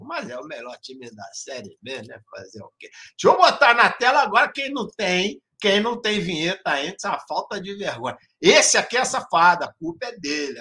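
A man hosting a casual live-stream football chat, loud and joking, swearing freely. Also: high voice. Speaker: show host.

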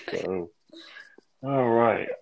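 A man's voice: mid-range voice, animated, very slow, creaky, darkish tone. A man hosting a casual online call, hesitant and full of fillers, speaking into a laptop mic. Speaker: host of an online call show. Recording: dull lo-fi laptop audio.

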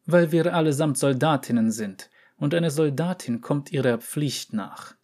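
A man reading an audiobook story, voicing a taciturn female tracker who speaks flatly. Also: fairly high pitch, unhurried, pitched above the performer's own voice. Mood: solemn. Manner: flat, few words.

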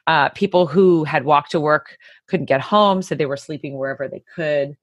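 Casual woman co-host, low voice, dry close sound, rambling storyteller. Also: moderate pace, dry recording, dull audio. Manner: chatty storyteller, many fillers. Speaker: podcast co-host. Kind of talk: casual chat.

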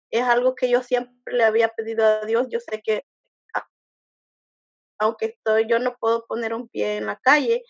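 A woman with a slightly high voice, telling her story in an earnest, halting way, stopping and restarting often. The sound is dull and lo-fi, with a dry, close feel. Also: no room sound. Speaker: interviewee. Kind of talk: emotional personal testimony.

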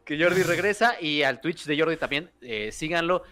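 A man's voice: fairly high pitch, expressive, moderate pace, pushed and bright, no echo. A man with a Mexican accent, hosting a livestream and wrapping up in casual chat full of fillers. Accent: Mexican Spanish. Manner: upbeat, filler-heavy wrap-up talk. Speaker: streamer host.

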